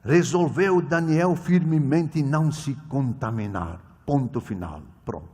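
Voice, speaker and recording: At a children's ministry conference, a preacher whose first language is not Portuguese delivers a sermon in Portuguese, emphatic and swinging between loud exclamations and quiet asides. His mid-range voice is husky, and he speaks haltingly, often restarting, repeating and correcting words mid-phrase. The hall adds echoey reverb.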